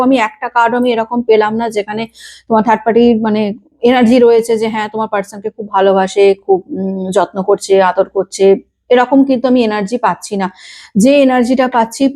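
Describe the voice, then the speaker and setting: A woman with a sore throat giving a tarot reading, halting and often clearing her throat between phrases. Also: on the high side, mellow. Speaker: tarot reader.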